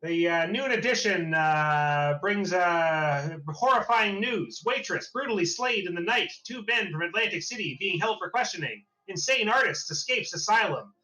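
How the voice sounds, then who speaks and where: A man voicing a young newspaper boy who loudly hawks the noon edition's headlines in a high, eager call. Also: animated, normal speed, few pauses, recorded from a distance, low-quality recording. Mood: shouting headlines.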